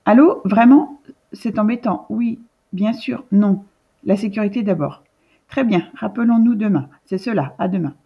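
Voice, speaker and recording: A woman's voice: medium pitch, moderate pace, breathy edge, dull audio. A woman voicing a polite, sly male village vet in a storybook.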